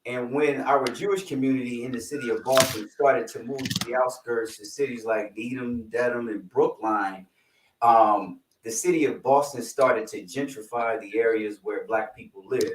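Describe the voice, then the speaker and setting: A man's voice: medium pitch, normal speed, background noise. A man co-hosting a podcast, chatting playfully in slang before introducing his guests over a video call. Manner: animated, playful, lots of slang and fillers. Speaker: podcast co-host. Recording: echoey, distant from the mic.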